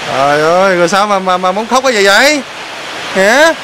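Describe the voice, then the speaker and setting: A man's voice: high voice, animated, a little fast, background noise. A man hosting a vlog, teasing and prodding someone with repeated questions. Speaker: vlog host. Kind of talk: teasing casual chat on camera.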